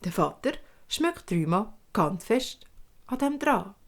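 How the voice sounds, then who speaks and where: Swiss German woman narrating a fairy tale, gentle, unhurried, middle-pitched. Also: sing-song. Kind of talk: storytelling.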